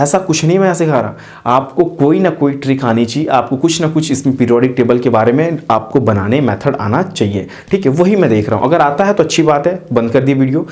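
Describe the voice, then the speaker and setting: A male teacher with a slightly raised voice leads a casual chemistry lesson at the board. He addresses the students directly and coaxes them with repetition. Often he slows right down to chant memory tricks syllable by syllable. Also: fairly high pitch, a little mellow. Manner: repetitive, coaxing, talks straight to students. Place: classroom with a writing board.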